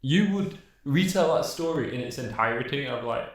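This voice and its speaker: A man's voice: mid-range voice, animated, moderate pace, distant mic. A man co-hosting a podcast who teases his friend with dry banter. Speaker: podcast co-host. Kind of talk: casual chat. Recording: very echoey room.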